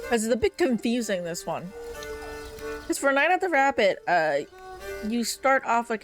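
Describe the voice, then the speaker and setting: A young woman streamer giving casual let's-play commentary, tired and rambling with lots of fillers. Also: mid-range voice. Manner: chatty, rambling with many fillers. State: tired, yawning. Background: game music.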